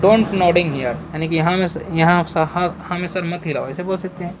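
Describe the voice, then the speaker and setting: A man's voice: high-pitched, normal speed, a little hiss or hum. A man teaching English words, spelling each one letter by letter and repeating every meaning as a drill. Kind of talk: phonics and vocabulary lesson.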